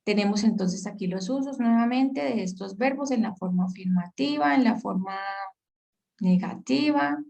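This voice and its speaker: A woman's voice: fairly high pitch, normal speed, creaky, a little mellow, rough recording. A woman teaching an English grammar class over a video call, explaining patiently and often checking that students follow. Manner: patient, checks understanding with questions. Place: virtual session.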